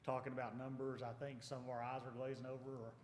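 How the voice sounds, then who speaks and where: A man's voice: medium pitch, little pitch movement, quick pace, a little mellow, slight background noise. A man speaking casually and candidly as a council member. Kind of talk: council meeting discussion. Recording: roomy council chamber with long reverb.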